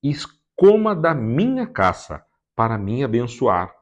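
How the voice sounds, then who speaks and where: A wronged elder son pleads with raised, insistent lines, his pitch lifting and swinging widely, as a man reading scripture voices him. The pace stays slow and deliberate. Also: big pitch swings, highs cut off. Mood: pleading.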